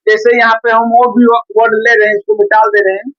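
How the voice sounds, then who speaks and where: A man's voice: very high-pitched, sing-song, fast. A man teaching a beginners' reading lesson at a board in a coaching classroom, speaking patiently and repeating the same checking words often. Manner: patient, repeats "theek hai" and "bhaiya" often. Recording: dull lo-fi recording.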